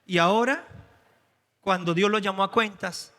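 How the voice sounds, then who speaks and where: A Colombian man preaching a dramatic sermon in a church, acting out Bible scenes and swinging from soft, low passages to loud, high exclamations. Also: a little slow. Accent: Colombian Spanish. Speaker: pastor. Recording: long reverb of a church hall.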